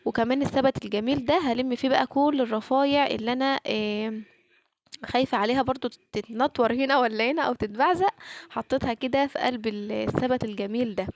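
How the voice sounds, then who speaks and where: Fast-talking Egyptian woman vlogger. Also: on the high side, no room sound. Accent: Egyptian Arabic. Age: middle-aged. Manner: warm, encouraging, addresses viewers directly. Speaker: home vlogger. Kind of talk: chatty home routine voice-over.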